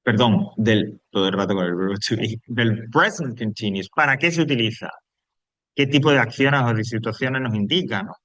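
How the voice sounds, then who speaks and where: A man's voice: fairly low pitch, moderate pace, fairly bright tone, dry recording. A man recording an online English grammar lesson for Spanish speakers, patiently repeating each rule step by step. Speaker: English teacher.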